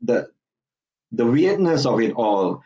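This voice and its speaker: In a mid-range, sing-song, mellow voice, a Singaporean man talks as a guest on a podcast interview. He is hesitant, offering commentary full of "uh"s, fillers, and restarts, and the recording has its highs cut off.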